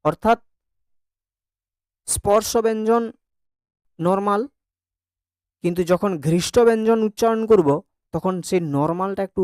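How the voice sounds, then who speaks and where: A male teacher leads a classroom lesson on Bengali grammar, posing checking questions to the class and repeating sounds again and again to drill pronunciation. His voice is high with a darkish tone, recorded at studio quality with no echo.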